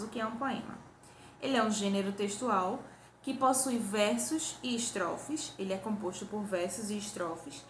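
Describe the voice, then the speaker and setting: A woman's voice: a little high, roomy sound, a little hiss or hum. A woman teaching a primary school review lesson, patiently asking questions and answering them herself. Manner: patient, asks and answers her own questions; counts aloud slowly with pupils.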